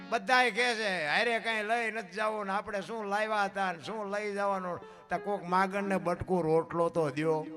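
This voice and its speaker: A man giving a dayro storytelling sermon, moving between soft musing and loud impassioned declaiming, and putting questions to his audience. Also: a little high. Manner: asks the audience questions directly. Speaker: folk storyteller. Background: guitar music.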